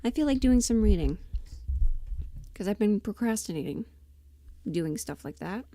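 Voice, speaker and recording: This amateur voice performer chats casually on her livestream at a moderate pace, her medium-pitched voice warm and animated. The talk rambles informally, with asides muttered to herself as she thinks aloud.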